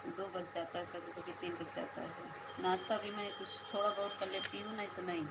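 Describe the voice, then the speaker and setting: A woman's voice: fairly low pitch, flat delivery, fairly quick, very noisy. A woman in her thirties hosting a casual live stream, chatting with viewers and thanking them by name.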